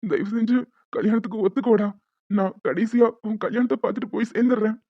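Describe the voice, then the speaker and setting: A woman's voice: fairly high pitch, fairly even intonation, fast, no echo, lo-fi sound, voice pushed down. A woman voicing an ailing old father who weakly pleads with his daughter about chest pain. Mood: pleading. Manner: weak, pleading.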